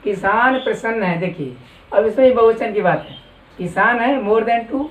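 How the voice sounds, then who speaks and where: Man teaching class, slow careful dictation, echoey room, mic far off. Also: high-pitched. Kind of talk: classroom lesson.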